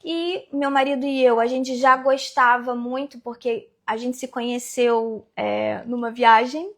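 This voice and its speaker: High-voiced woman from Rio state. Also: a little slow. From Rio de Janeiro state, Brazil. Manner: lively storyteller who acts out quoted dialogue. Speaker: guest, business owner. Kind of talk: casual interview storytelling.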